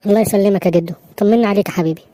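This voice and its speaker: Headstrong young Egyptian detective, voiced by a woman, rapid and mellow. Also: medium pitch, close to an everyday voice. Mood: determined. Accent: Egyptian Arabic. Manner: boastful, reassuring. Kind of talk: Egyptian cartoon dub acting.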